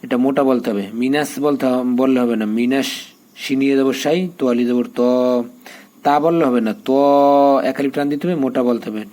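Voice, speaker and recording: A man teaching the spelling of the Quran, drilling letters and vowel marks and then chanting each verse slowly. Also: mid-range voice, warm tone. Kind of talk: spelling lesson in Quran recitation.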